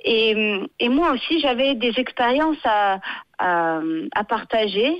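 A woman's voice: a little high, animated, slow, no echo, muffled recording. A woman singer-songwriter with a contralto voice, giving a radio interview in a hesitant way with many restarts.

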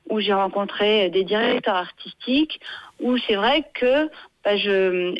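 A contralto woman talks as a radio guest and pauses often to restart her phrases. Her voice comes over dry and a little dull, like a narrow-band line. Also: on the high side, no room sound. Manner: hesitant, many restarts and fillers. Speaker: singer-songwriter guest. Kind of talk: radio interview.

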